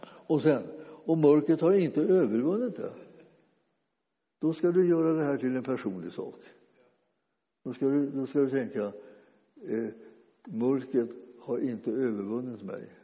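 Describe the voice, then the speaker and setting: A male preacher with a very dark, mellow voice gives an informal, conversational sermon. He talks haltingly, restarting phrases and filling pauses as he goes. The recording is dull and lo-fi, with a long reverb tail. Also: mid-range voice.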